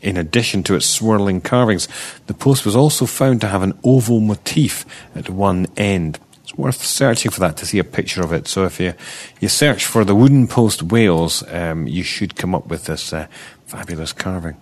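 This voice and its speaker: A man's voice: low voice, moderate pace. A man with a Scottish accent hosting a podcast news roundup, reading stories with playful asides and self-deprecating jokes.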